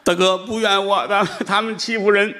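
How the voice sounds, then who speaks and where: A man's voice: high-pitched, fairly even intonation, moderate pace, bright, forceful tone, a little hiss or hum, voice pushed up. A man voicing a whining, foolish male vegetable peddler in a storytelling comedy routine. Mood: aggrieved. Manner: whining, complaining.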